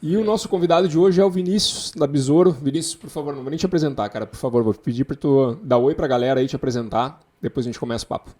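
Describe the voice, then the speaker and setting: A man's voice: medium pitch, racing, few pauses, a little mellow. A man with a southern Brazilian accent from Porto Alegre, hosting a casual interview podcast. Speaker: podcast host.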